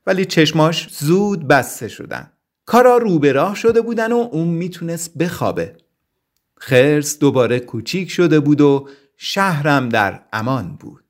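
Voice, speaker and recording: Man reading a lively children's story. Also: on the high side. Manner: expressive, with sound effects. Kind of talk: storybook narration.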